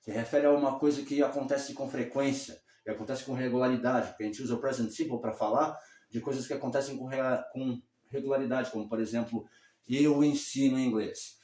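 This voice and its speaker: Male English teacher, patient explainer, slow repeated examples, roomy distant recording. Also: medium pitch, fairly even intonation, warm tone. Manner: patient, repeats words slowly for pronunciation; checks in often with short tags. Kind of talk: explaining English pronunciation and grammar. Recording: echoey room, somewhat far from the mic.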